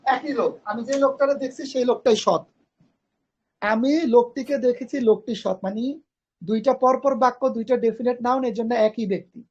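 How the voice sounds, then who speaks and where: Speaking at normal speed in a darkish, high-leaning voice, a Bangladeshi woman runs an online grammar class. Her step-by-step explanations repeat key phrases and blend in English grammar terms; the recording is dull and lo-fi.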